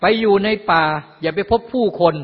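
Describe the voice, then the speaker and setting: A man's voice: high voice, a little fast. An older man teaching a Buddhist dharma talk in a folksy way, explaining with everyday examples and asides. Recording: lo-fi, long hall reverb.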